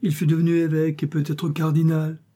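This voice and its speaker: A man's voice: on the low side, level tone, moderate pace, dark tone, lightly acted. A man voicing a mournful, devout male servant who speaks plaintively. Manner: plaintive, sighing.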